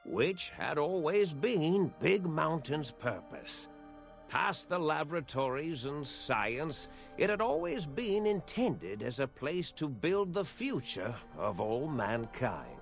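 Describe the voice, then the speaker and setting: Game epilogue narrator: grave and wistful, very deliberate pacing, crackly gravel in a slightly high voice. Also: male voice, big pitch swings, faint music behind, heavily acted. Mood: solemn. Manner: measured, solemn. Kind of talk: scripted video game narration.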